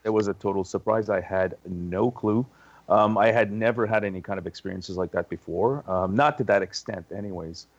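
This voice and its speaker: A man's voice: on the low side, brisk, no room sound, muffled recording. A man casually recounting experiences as an interview guest, understated and a little hesitant. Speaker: interview guest, paranormal investigator.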